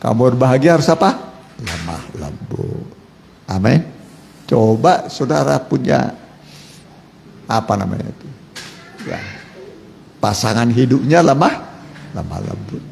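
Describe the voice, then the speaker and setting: Pastor, male, gravelly voice, call-and-response sermon in an echoey church hall with faint noise. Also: mid-range voice, sing-song, unhurried, long pauses, darkish tone. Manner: quizzes the congregation, jokes, repeats key words.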